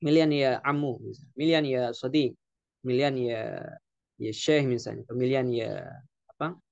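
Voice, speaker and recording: A man teaching an Arabic vocabulary lesson, explaining slowly and repeating words with frequent fillers. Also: medium pitch, creaky, a little mellow, dry recording, muffled recording. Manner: slow, repetitive explaining with frequent "ya". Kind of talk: classroom lesson.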